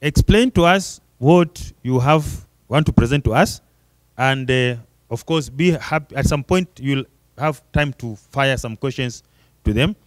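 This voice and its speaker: A male moderator runs a session in an informal, encouraging manner. His pitch is medium and the sound is fairly dry. He talks conversationally as he hands over to speakers. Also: measured pace, dry recording.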